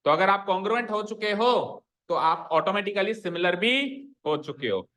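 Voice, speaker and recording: A man's voice: sits high, lively intonation, unhurried, sharp tone. A male math teacher speaks to his class in a room full of students. He explains step by step, firing questions and making pupils repeat answers. His speech slips English technical terms into everyday phrasing. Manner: quizzes students, makes them repeat answers. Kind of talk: classroom lesson.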